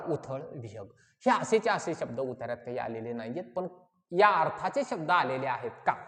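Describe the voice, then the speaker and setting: A woman teaches children from a reading passage and explains each point slowly. She keeps asking her pupils questions and then answers them herself, and her voice rises and falls a great deal. A long hall reverb trails behind her words. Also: lowish voice. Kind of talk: exam-prep lesson for children.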